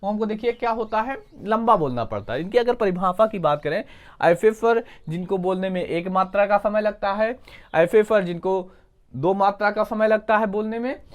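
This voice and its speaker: A male teacher giving an exam coaching lesson, asking questions and answering them himself and correcting his own slips. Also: high voice.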